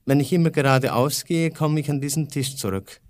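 A man's voice: on the high side, brisk, no room sound, natural voice. A man reading the lines of an idle, stubborn man who is set on walking straight around the world, in an earnest, declaring manner, close to his own voice. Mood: determined.

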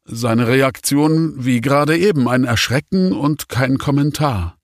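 A man's voice: medium pitch, animated, measured pace, no room sound, studio quality, pitched above the performer's own voice. A man voicing a weary, worried male nobleman in an audiobook, speaking on a sigh. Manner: sighing, worried.

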